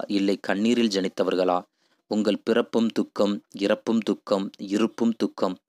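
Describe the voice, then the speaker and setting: A man's voice: fairly low pitch, no room sound, natural voice. A man voicing an impassioned idealist who preaches to villagers in poetic, rousing speech.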